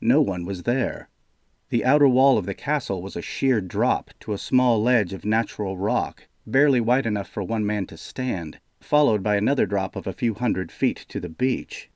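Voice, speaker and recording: A man narrates a fantasy novel in a steady, measured way, his voice sitting on the low side. The recording is dry and close, with no room sound at all. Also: dry recording. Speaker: audiobook narrator. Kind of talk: scripted narration.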